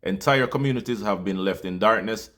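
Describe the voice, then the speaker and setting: Jamaican male host, low-pitched, earnest appeal, casual with fillers. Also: a little fast, a bit bright. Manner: heartfelt, loose with fillers. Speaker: channel host.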